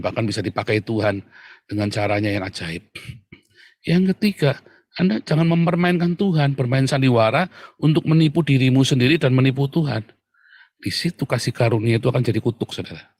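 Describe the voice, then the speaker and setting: A man preaching a sermon in a lively way, often turning to address the congregation directly. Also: mid-range voice, a little fast, no room sound, studio quality. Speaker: pastor.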